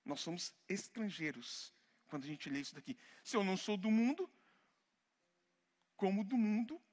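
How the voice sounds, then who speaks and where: A man's voice: sits high, fairly bright tone. A man from Brazil with a Brazilian Portuguese accent, preaching a conversational sermon and often checking in with his congregation. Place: church hall. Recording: long church-hall reverb.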